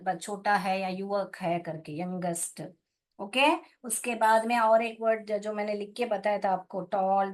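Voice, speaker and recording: Slow, patient woman teacher. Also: on the high side. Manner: patient, repeats questions to pupils, calls them beta. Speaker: English teacher. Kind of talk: online class lesson.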